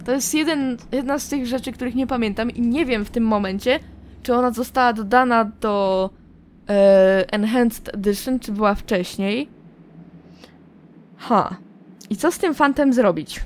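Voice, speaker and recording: Woman host of a let's play, fairly high voice, casual musing chatter, faint background noise. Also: unhurried. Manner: chatty, musing, self-correcting. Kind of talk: casual game commentary.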